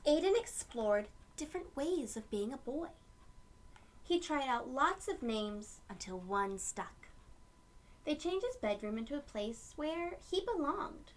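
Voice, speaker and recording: A woman reads a picture book to young children, using gentle storytelling phrasing and turning aside to speak to her listeners. Her high-pitched voice is sing-song and measured in pace.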